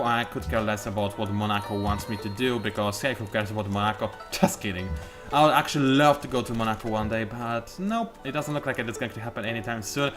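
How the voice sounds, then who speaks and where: A man with a mid-range, slightly bright voice plays a strategy game as a let's play host. He chats casually, jokes, thinks aloud and pokes fun at himself.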